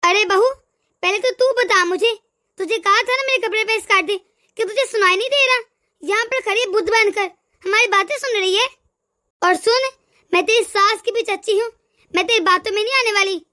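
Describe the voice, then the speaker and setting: A domineering older aunt from an animated family story, acted by a woman. She scolds and commands in a very high, bright voice. Her manner is bragging and harsh throughout. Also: normal speed. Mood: bossy scolding.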